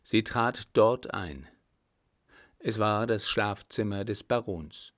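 A man reading a dramatic novel aloud in measured audiobook narration. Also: fairly low pitch.

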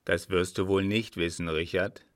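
A man's voice: low-pitched, fairly even intonation, moderate pace, dry recording, clean studio sound, lightly acted. A man voicing a worried old coachman. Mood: alarmed. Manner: anxious, hushed, cautious.

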